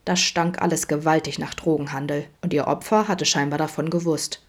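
A woman narrating a fan fiction audiobook in a calm, even storytelling manner. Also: low-pitched, brisk. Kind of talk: podfic audiobook reading.

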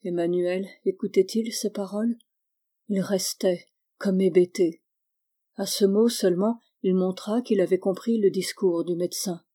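A woman narrating a classic novel as an audiobook reader, in a steady, even storytelling manner. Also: mid-range voice, moderate pace, slightly rough. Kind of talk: scripted narration.

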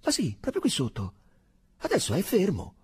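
A man voicing young soldiers who argue loudly and shout. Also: high voice, wildly swooping pitch, normal speed, slightly rough, pitched above the performer's own voice, full character voice. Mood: quarrelsome. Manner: loud, shouting, quarrelsome. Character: rowdy young male soldiers arguing.

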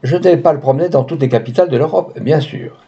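A man's voice: on the high side, fast, mellow, natural voice. A man voicing a scheming, cynical young woman who coolly bargains, read in a storybook style on a dull lo-fi recording. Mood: haughty. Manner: cool, haughty, bargaining.

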